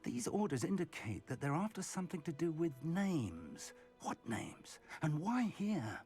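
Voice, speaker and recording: A curious young wizard hero from a video game, thinking aloud about a mystery. His voice sits fairly high and moves with lively inflection, earnest and inquisitive. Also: measured pace, faint music behind. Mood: musing. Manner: thoughtful, musing aloud.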